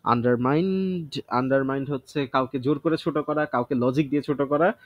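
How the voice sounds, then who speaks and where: Guy going over vocab words out loud, dry close sound, thinks as he talks. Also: medium pitch, a little fast, no room sound. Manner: thinks aloud, self-testing word by word; mixes English words into Bengali explanations. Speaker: vocabulary teacher. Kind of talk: casual vocabulary study session.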